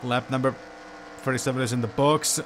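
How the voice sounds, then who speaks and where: A man giving live sim racing commentary, hesitant and full of fillers, unsure of the order and bursting into excitement at incidents. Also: medium pitch, brisk, noisy background. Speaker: race commentator.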